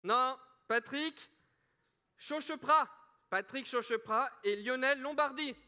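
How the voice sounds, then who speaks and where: A man hosting a prize draw live on a large stage, playful and animated like a game show host. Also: extremely high pitch, slow, clear, resonant tone. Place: large conference hall stage, indoors.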